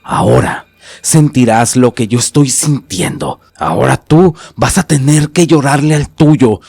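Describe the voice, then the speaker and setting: A man's voice: mid-range voice, expressive, unhurried, vocal fry, a little mellow, breathy edge, no echo, full character voice. A man voicing an enraged grieving father. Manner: bitter, accusing.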